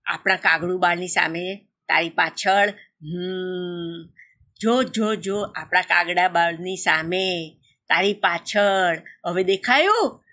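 A woman's voice: very animated, moderate pace, pushed and bright, exaggerated voice. A woman playing a jolly, coaxing papa crow. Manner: cajoling, teasing, higher than her narration. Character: jovial, wheedling father crow.

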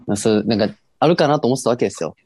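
A man's voice: medium pitch, expressive, rapid-fire, a little mellow, husky. A man in his twenties with a Kansai accent, chatting casually as co-host of an amateur radio show. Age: 20s. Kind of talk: casual banter.

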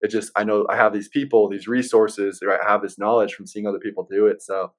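Male sales rep guest, fairly low voice, conversational and easygoing, explains like a practiced seller. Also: flat delivery, fast. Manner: easygoing, salesman-like explaining, says man and right often. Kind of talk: casual chat.

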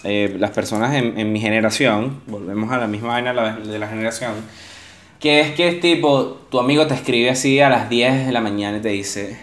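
A man's voice: mid-range voice, normal speed, fairly bright tone. A man co-hosting a casual podcast, crude and mocking in his humor. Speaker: podcast co-host. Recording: echoey room.

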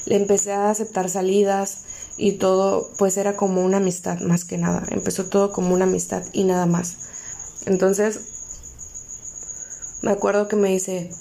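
A young woman with a Mexican accent tells her own story in a low, mellow voice with a gravelly edge. She keeps her pitch fairly flat and talks candidly, as if confiding in a friend, and repeats each conversation word for word. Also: moderate pace. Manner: candid, conversational, reports dialogue directly. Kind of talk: personal storytelling.

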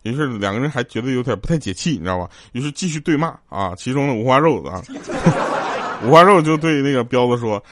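Male comedy host, laughing through quick anecdotes, acts out characters, faint hiss behind. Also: mid-range voice. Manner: chuckles often while telling jokes; quotes characters in raised, lively voices. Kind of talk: joke-telling comedy chat.

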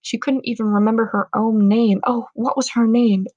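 A woman's voice: fairly high pitch, steady tone, moderate pace, warm tone, dry recording, lo-fi sound. A young woman reading her own book aloud, telling it dramatically and stopping now and then to comment on it with amusement. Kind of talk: casual reading aloud with asides.

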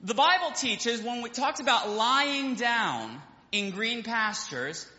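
A man's voice: extremely high pitch, lively intonation, slow pace, sharp tone. A man preaching a sermon as pastor, praying and reading scripture aloud to a seated congregation in a church. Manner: preaching with rising fervor, quotes King James scripture. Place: church sanctuary. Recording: echoey hall, dull sound.

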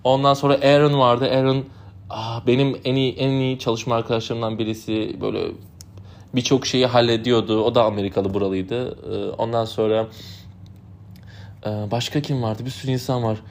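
A man's voice: mid-range voice, steady tone, normal speed, slight background noise. A young man, a native Turkish speaker, casually recounting his summer as a camp counselor in a rambling, chatty way full of fillers. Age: young adult. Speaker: podcast host. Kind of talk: casual storytelling.

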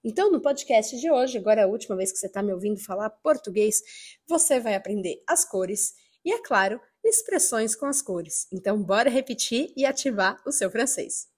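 A woman's voice: on the high side, lively intonation, fairly quick, darkish tone, husky. A woman hosting a language lesson podcast as a teacher. She speaks carefully and repeats words for listeners to copy. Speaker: French teacher and podcast host.

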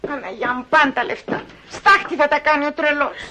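A fretful, panicking woman of the house, wailing anxiously in a high voice. The old film soundtrack is thick with hiss. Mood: panicked.

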